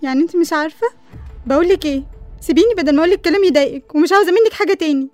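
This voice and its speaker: A woman with an Egyptian accent playing a cheeky, whiny youngest sister, close and dry over soft music. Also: very high voice, rapid-fire, dry recording. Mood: hurt. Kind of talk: radio drama acting.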